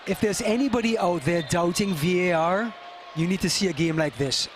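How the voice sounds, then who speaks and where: A man working as a color commentator, explaining plays and players in a measured, analytical way. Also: high voice, crowd noise, background noise. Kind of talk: live soccer analysis.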